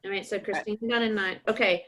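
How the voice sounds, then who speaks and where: A woman's voice: mid-range voice, fairly even intonation, fairly quick, pushed and bright. A woman casually hosting a party game over a video call, with a giggly, teasing manner. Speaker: host and judge of a contest. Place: indoors at home, on a video call. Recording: noisy video call with clicks.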